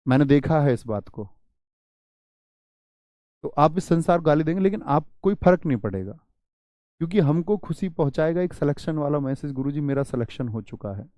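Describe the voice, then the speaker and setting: A male teacher giving an exam-prep grammar lesson, stressing and repeating example words in a drawn-out way. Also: fairly high pitch, warm tone, no echo.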